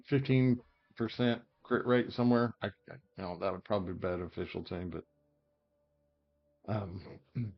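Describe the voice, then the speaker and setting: A man's voice: on the low side, dull audio. A man talking casually through character builds in a game, thinking aloud with lots of fillers and hiccups. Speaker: game guide creator. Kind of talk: casual gameplay commentary.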